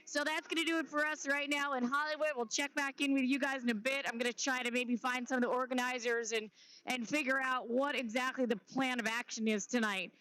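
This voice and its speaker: A woman's voice: sits high, fairly even intonation, sharp tone, poor audio. A woman reporting live from a street march, talking casually with fillers and a little out of breath. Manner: conversational, halting with fillers. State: slightly out of breath. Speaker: field reporter. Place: outdoors on a city street during a march.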